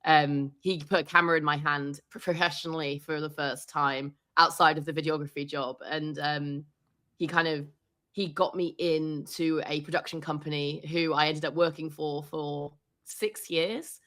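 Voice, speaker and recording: A woman sports reporter chatting as an interview guest, telling animated stories and laughing often. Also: low-pitched, moderate pace. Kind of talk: casual interview chat.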